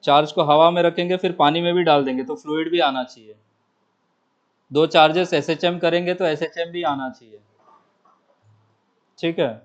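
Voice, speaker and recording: A physics teacher, a man with a high voice, lectures a classroom, putting questions to his students and answering them himself. He keeps checking whether they follow. The recording is dull and lo-fi. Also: fairly even intonation, normal speed, pauses often. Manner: coaxing, repeatedly checks understanding.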